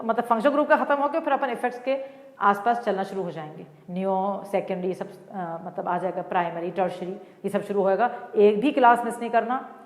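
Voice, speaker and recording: A woman's voice: fairly high pitch, echoey room, big-room sound. A woman teaching chemistry, explaining patiently in a mix of Hindi and English and calling her students "beta.". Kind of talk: online class lecture.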